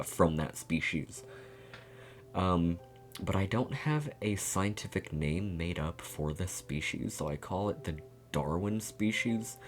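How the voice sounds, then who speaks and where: A male streamer rambling through a game playthrough, laughing often as he talks. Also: deep voice. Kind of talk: casual game playthrough commentary.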